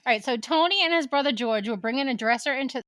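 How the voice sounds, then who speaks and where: A woman's voice: high-pitched, fast, fairly bright tone, dry recording. A woman co-hosting a podcast, telling a true ghost story in casual chat, laughing often and voicing the people she quotes. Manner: laughing, retells with voiced quotes. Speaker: podcast co-host.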